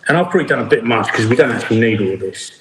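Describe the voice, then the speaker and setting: Brief: man, head chef hosting a live cookalong, chatty and easygoing, middle pitch, echoey room. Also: animated, very fast, noisy background. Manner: chatty, talks while plating food. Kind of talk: live cooking demonstration. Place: kitchen.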